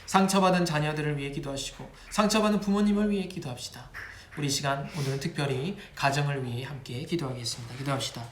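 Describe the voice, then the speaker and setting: A man's voice: fairly high pitch, fast talker. A man serving as pastor, preaching and leading a spoken prayer, earnestly calling on God again and again between phrases. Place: church worship space. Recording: echoey room with faint noise.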